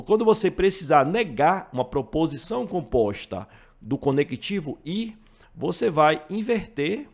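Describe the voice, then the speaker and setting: A man with a Brazilian accent teaching math, explaining each step through worked examples and often checking in with the listener. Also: fairly high pitch. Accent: Brazilian Portuguese. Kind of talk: explaining logic for exam prep.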